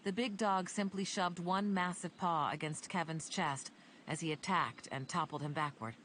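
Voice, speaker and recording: A woman narrating an audiobook in an even, measured reading. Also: lowish voice, a little hiss or hum.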